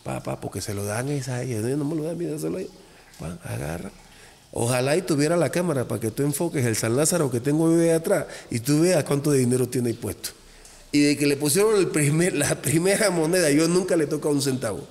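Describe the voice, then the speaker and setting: A man, a voodoo priest, talking as a podcast guest, animated, acting out little dialogues and repeating phrases. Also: fairly high pitch, fast. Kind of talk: casual podcast talk. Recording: long echoey reverb.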